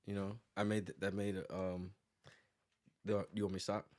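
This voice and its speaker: A low-voiced American man in his thirties, born in New York and raised in Virginia, rambles casually as a guest in a conversational interview. A graphic designer and business owner, he speaks flatly at a moderate pace with a darkish tone, often saying "like" and correcting himself.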